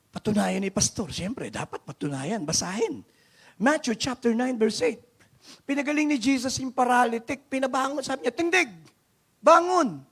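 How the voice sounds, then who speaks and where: A Filipino man, a pastor, preaching a lively sermon that mixes Tagalog and English, reading scripture and questioning his congregation. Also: very high voice, slightly rough. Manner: animated, questions the congregation and urges clapping. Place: church worship service.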